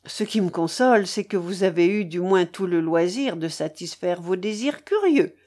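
Teasing young lady, read by a woman, high and playful, lively swoops, storybook. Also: moderate pace. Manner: playful, raised pitch.

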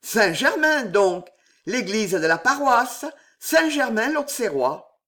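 Male footman, familiar, talkative, voiced by an audiobook reader, slow and lively. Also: medium pitch, pitched above the performer's own voice, exaggerated voice. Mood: chatty. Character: chatty, familiar male footman of a grand house. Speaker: servant.

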